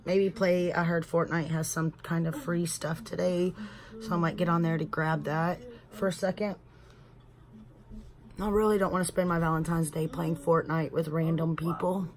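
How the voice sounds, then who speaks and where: Crowd noise sits behind a woman whose voice is on the low side, level in tone, and moderately paced. She's a Texan beauty vlogger in her thirties, casually chatting and rambling through a makeup tutorial at home, addressing viewers as y'all.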